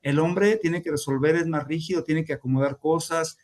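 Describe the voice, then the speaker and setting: A man's voice: fairly high pitch, normal speed, a little mellow. A man lecturing on grief as a therapist, explaining steps and acting out clients' voices in quotes. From Mexico. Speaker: grief therapist teaching a class.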